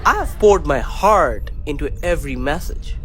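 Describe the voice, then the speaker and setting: An actor playing a vain, self-proclaimed legendary space captain who talks in a pompous, dramatic way. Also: male voice, on the high side, animated, normal speed, faint music behind, close to an everyday voice. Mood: lovesick. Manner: pompous, dramatic, lovesick whining. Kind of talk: comedy audio drama acting.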